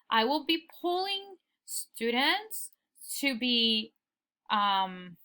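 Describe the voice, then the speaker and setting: A woman teacher giving an online pronunciation lesson, modeling words slowly and carefully for her students. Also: a little high, sharp tone. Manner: slow, careful modeling of word sounds.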